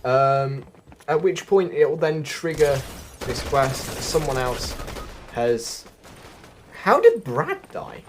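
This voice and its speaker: A man with a fairly high, sing-song voice speaks slowly over a faint hiss or hum. He's casually chatting his way through a video game walkthrough, often thinking out loud as he guides viewers.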